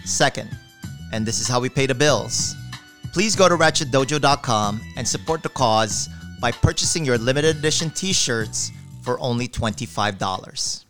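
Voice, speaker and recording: A man's voice: medium pitch, lively intonation, normal speed, a bit bright, soft background music. A man from the Philippines hosting a podcast in casual, friendly, rambling talk. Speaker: podcast host.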